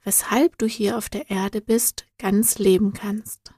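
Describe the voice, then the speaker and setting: A patient, wise guide figure from a children's storybook, speaking slowly and soothingly, his words often dropping to a soft whisper, as a woman reader voices him. The sound is dry and close, with no room around it. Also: medium pitch, slightly rough, dry recording. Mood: gentle, soothing. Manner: calm, soothing, at times whispered. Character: gentle wise male guide, patient teacher.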